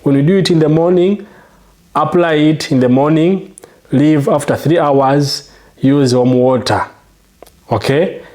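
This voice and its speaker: Hosting his channel's how-to video, a man with a Ugandan English accent guides viewers through the steps, emphatic and promotional, repeatedly checking that they're following. His voice is on the high side, a little slow and a little mellow.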